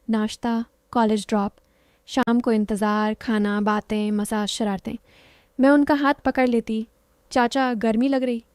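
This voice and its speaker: A woman narrating a first-person story in short, clipped phrases, soft and intimate. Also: fairly high pitch, smooth, no room sound.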